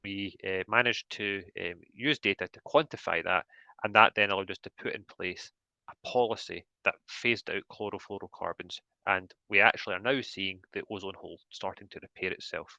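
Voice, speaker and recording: A man's voice: low-pitched, moderate pace, vocal fry, bright, forceful tone, no room sound. A man with a broad Scottish accent presenting an academic webinar as a guest lecturer, slightly hesitant and repeating words. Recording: dull, lo-fi online call audio.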